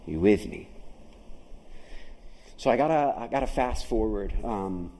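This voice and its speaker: A man's voice: fairly low pitch, animated, a little slow, warm tone, in a large hall, rough recording. A man preaching a sermon as pastor, emphatic, often asking his listeners questions. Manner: emphatic, asks the audience questions. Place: chapel.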